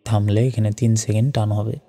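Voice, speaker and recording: A man teaches Quran recitation step by step, patiently spelling out Arabic syllables at a slow pace and chanting the verses slowly and melodically. His voice is lowish and dark-toned with a flat delivery, and it sounds like a big room.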